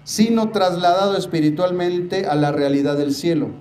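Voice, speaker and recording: A man preaching a sermon as pastor, emphatic, often calling out to his brothers and slowing down to stress key words. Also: high voice, a little mellow. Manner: preaching, repeatedly addressing the congregation as brothers. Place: church. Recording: echoey church room with faint noise.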